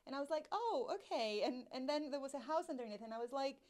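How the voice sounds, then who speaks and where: A woman's voice: sits high, very fast, darkish tone. A woman co-hosting a casual chat, telling anecdotes with many fillers and laughing. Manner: storytelling, hesitant with fillers, laughs often. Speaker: podcast co-host, workshop facilitator.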